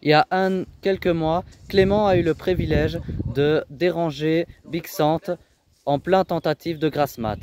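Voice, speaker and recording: A man's voice: fairly high pitch, fairly even intonation, measured pace, noisy background. A man delivering scripted reality TV voice-over with emphatic, dramatic phrasing. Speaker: narrator.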